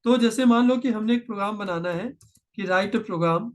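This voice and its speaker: His voice sits high as he teaches programming over a screen share. He walks through each step patiently, mixing in terms and slowing his delivery whenever he dictates code.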